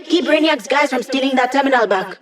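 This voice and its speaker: A woman's voice: high-pitched, animated, a little fast. An actress playing a young digital hacker woman in a video game, wry and playful, with casual, teasing tech-geek banter. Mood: confident. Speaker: hacker support character guiding a squad. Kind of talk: video game character voice lines.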